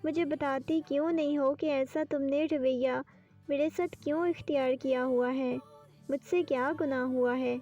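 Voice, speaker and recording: A woman voicing a gentle, worried young husband who questions his wife softly. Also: high-pitched, close to an everyday voice. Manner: soft coaxing questions. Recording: distant dull lo-fi with faint music.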